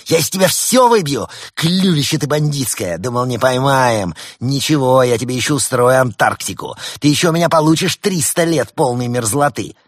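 A man voicing a hot-tempered male animal police lieutenant playing bad cop, shouting threats and insults. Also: medium pitch, animated, normal speed, few pauses, no room sound, clean studio sound, voice pushed up, lightly acted. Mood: screaming. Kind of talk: audiobook character voice.

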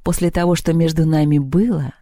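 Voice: mid-range voice, fairly even intonation, a little fast, mellow, no room sound, studio quality, close to an everyday voice. A reader voicing a scheming, mocking ancient female villain who giggles and sneers.

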